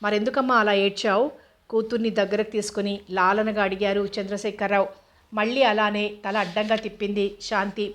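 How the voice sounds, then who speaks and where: A woman narrating a novel in a steady, even reading voice. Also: medium pitch, a little fast. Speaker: audiobook narrator.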